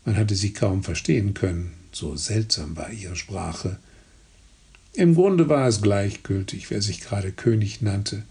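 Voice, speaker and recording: A man with a raspy, gravelly voice reading a historical novel aloud in slow, even narration. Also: fairly low pitch. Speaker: audiobook narrator. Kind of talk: scripted narration.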